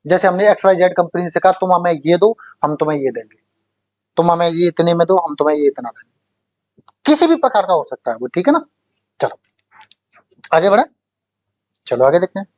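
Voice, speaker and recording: A male English teacher giving a classroom lecture for exam prep. He explains slowly, repeats key words and keeps quizzing the class. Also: high voice. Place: coaching classroom.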